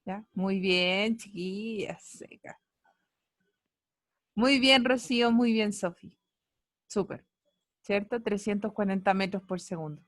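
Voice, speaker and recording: A woman's voice: medium pitch, slow, long pauses, no echo, studio quality. A woman teacher giving an online physics class, playful and teasing, asking students many questions. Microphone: computer mic on a video call.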